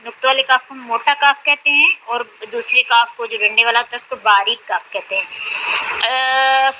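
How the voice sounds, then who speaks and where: A woman's voice: on the high side, fairly even intonation, dull audio, a little hiss or hum. A young woman, patiently teaching Quran reading and stretching out each letter name with care. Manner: drawn-out, carefully enunciated letter names.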